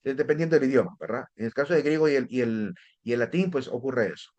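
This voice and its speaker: A man's voice: medium pitch, lively intonation, fast talker, darkish tone, muffled recording. A man teaching a theology class, explaining step by step and often checking in with his listeners. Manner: explanatory, repeats words and restarts, asks "¿verdad?" often. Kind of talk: lecture on theology.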